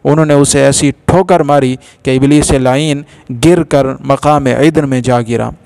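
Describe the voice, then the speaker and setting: A man narrating a religious story in a measured, formal storytelling manner. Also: mid-range voice, steady tone, gravelly, a little mellow, clean tone, no room sound.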